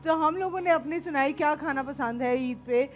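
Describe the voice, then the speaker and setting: A woman in her thirties with a Pakistani Punjabi accent, a guest chatting casually in an interview, lively and blunt, mixing in English and Punjabi phrases. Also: sits high, moderate pace.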